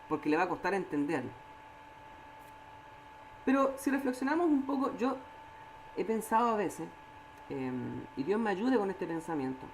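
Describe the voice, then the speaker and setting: A woman with a Chilean Spanish accent leading a church Bible study, animated, acting out quoted voices and often checking in with her listeners. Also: fairly high pitch, a little hiss or hum, poor audio.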